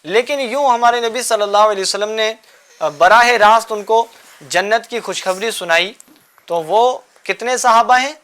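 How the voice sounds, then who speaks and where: A man hosting a children's religious show, coaxing the kids with repeated questions and gentle teasing. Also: high-pitched. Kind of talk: quizzing children in a studio class.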